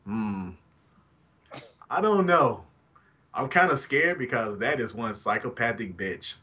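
A podcast co-host from Alabama trades crude, teasing banter on a casual fan podcast while reading listener messages. His medium-pitched voice is expressive, bright and forceful, a bit rough, and he takes it slowly; the recording has its highs cut off.

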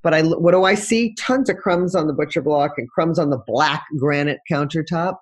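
Middle-aged woman, relationship coach guest, husky lower voice, lively expressive delivery. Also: moderate pace. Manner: expressive storyteller acting out dialogue. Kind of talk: animated talk-show interview.

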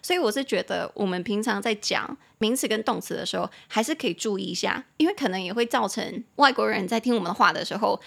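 A young woman hosts a relaxed English-lesson podcast in a chatty, lively way. She laughs easily, and when a word matters she slows right down to spell it and stress it. Her voice sits at an ordinary middle pitch for a woman. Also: creaky. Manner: lively, laughs often, spells words out slowly. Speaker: English teacher and podcast host. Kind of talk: casual teaching podcast.

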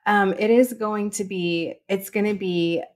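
Woman guest, bubbly and giggly, loose casual talk full of fillers, mid pitch. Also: fairly even intonation, measured pace. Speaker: guest author and fitness instructor. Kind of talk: casual interview.

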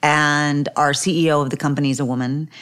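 Low-voiced woman telling a lively story. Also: fairly quick, clean tone. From Mexico. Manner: lively, storytelling, swears casually. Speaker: co-host and tequila brand owner. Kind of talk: casual chat.

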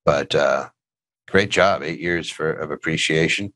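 A man's voice: very deep voice, unhurried, fairly bright tone, no room sound. A middle-aged man hosting a casual tax question show, answering listener questions and cracking dad jokes. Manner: joking, rambling, dad-humor asides.

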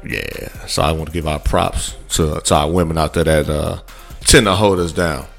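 Male sports podcast host, very low voice, loose chatty delivery over faint background music. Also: steady tone, moderate pace, creaky. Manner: loose and conversational, with many fillers and restarts. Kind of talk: casual sports talk.

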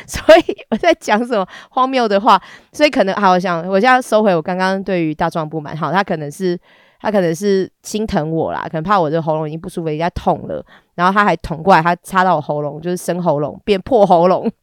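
Hoarse, stuffy-nosed woman podcaster. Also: on the low side, quick pace, no echo, clean studio sound. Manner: frank, bawdy and giggly, rambling. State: hoarse and congested. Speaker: podcast host. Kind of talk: casual solo podcast chat.

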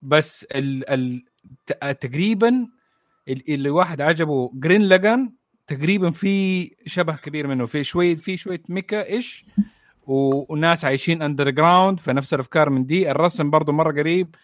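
An easygoing man, talking through a show recommendation. His voice sits a little high, and the recording is dry and close. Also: brisk, no echo. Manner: relaxed, easygoing, laughs often. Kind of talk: casual chat about anime.

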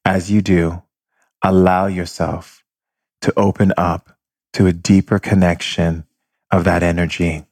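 A man leading a guided meditation with slow, calm instructions. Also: low-pitched, no room sound.

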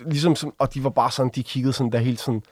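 A man, a guest on an interview, telling a personal story casually, with halting restarts and vivid acted-out quotes. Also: medium pitch, fairly even intonation, a little mellow, no room sound, clean studio sound. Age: adult. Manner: vivid, acts out quoted voices while retelling.

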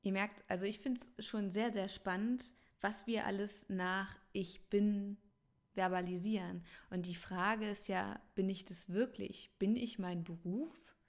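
A woman speaking as a coach in an unhurried, thoughtful way, leaving pauses between phrases. Her voice sits at a middle pitch, and she speaks straight to the listener with calm, measured care. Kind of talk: reflective spoken talk to listeners.

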